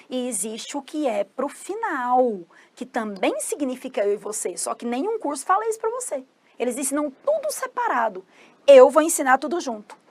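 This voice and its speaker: A woman English teacher from Brazil giving an exam-prep lesson, explaining grammar in a lively, emphatic way and acting out example sentences. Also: a little high, dry recording.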